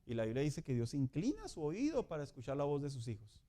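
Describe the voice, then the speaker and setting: A middle-aged man, preaching a Sunday school sermon in a lively, joking way. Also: a little high, fast talker. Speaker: pastor.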